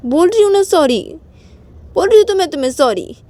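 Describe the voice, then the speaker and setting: A woman's voice: normal speed, gravelly, mellow, slightly rough, no room sound. A woman voicing a tearful young wife in a storybook romance, pleading in a raised voice. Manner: pleading, high-pitched apologies.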